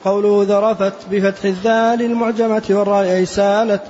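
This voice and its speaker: A man reading a classical text aloud to his teacher in a steady recitation, spelling out vowel markings word by word. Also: high-pitched, fast. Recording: dull lo-fi lecture recording with faint hiss.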